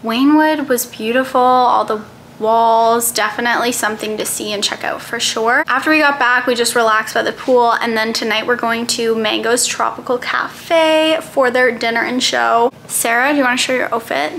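Young female travel vlogger, bright chatty delivery, phone mic in a hotel room. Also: fairly high pitch, fairly even intonation, creaky, slight background noise. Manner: upbeat, chatty, quick recommendations. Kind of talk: casual vlog chat to camera. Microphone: phone camera at arm's length.

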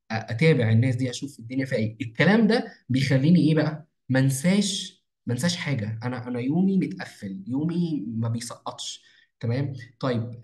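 A man's voice: medium pitch, darkish tone. A young man with an Egyptian Arabic accent, talking a viewer through a daily planning routine as a marketing mentor, often repeating himself and restarting words. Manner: rapid, repetitive, with many false starts and stretched fillers. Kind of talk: casual screen-share tutorial.

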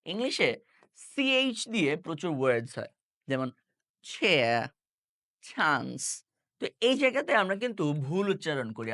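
A man's voice: a little high, a bit bright, clean studio sound. A man teaching English pronunciation, repeating each letter patiently for learners to echo, with a Bangladeshi accent. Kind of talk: pronunciation lesson, slow drilled repetition.

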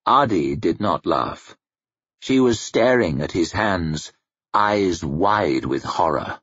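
Brief: male narrator, expressive fantasy reading with a husky, lowish voice and lively pitch. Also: slow pace, no echo. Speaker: audiobook narrator. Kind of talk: scripted narration. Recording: dull lo-fi home recording, dry.

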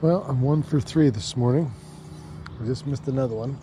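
Casting from a lake dock, a thirty-something fishing channel host talks casually through his vlog, chatty and getting excited when a fish strikes. He has a mid-range voice at a moderate pace. The action camera starts on his chest and later goes on a stand, with noticeable outdoor background noise.

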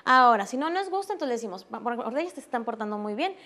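Woman, Mexican accent, high voice; instructor demoing on a TV morning show, patient and gentle. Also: lively intonation. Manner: explains slowly, softens words for babies. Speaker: early stimulation instructor.

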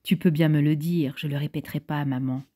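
A cheeky little girl who keeps pressing with questions, as a woman reads her. The voice is dark and mellow with some huskiness, like an evening audiobook reading. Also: sits low, steady tone, quick pace. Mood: curious. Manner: prying, insistent questions.

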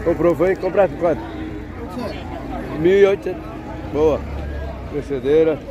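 The highs are cut off in this outdoor fair recording, where a man with a Brazilian Northeastern Portuguese accent speaks a little slowly at a fairly high pitch. Touring the crowded cattle pens as a vlogger, he casually comments on the spot and quizzes sellers on prices over crowd chatter and livestock.

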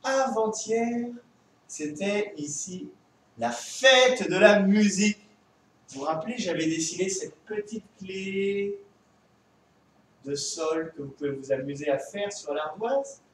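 Slow sing-song French teacher. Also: male voice, sits high, fairly bright tone, very echoey, far from the mic, a little hiss or hum, low-quality recording. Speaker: kindergarten teacher. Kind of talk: remote classroom lesson for young children.

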